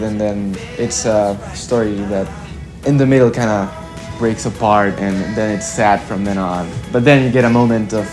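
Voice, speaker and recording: A low-voiced young musician from Chile answers interview questions in a casual way. He comes across as reflective and halting, leaning frequently on "like" and "kinda."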